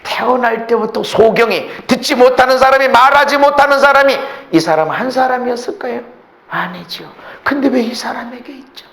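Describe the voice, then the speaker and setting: A male pastor preaching a sermon emphatically, swinging between shouts and hushed asides, in a church. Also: very high-pitched, moderate pace, gravelly, roomy sound. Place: church sanctuary.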